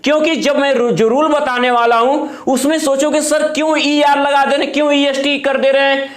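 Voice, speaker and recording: A male teacher walks through the grammar rules one step at a time. He keeps asking his own questions and then answers them. His voice sits very high for a man, and the room around him rings with echo. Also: little pitch movement, moderate pace. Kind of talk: classroom lecture.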